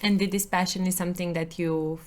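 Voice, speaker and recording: Bright, friendly woman podcast host. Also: fairly low pitch, steady tone, fairly quick. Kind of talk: casual podcast interview.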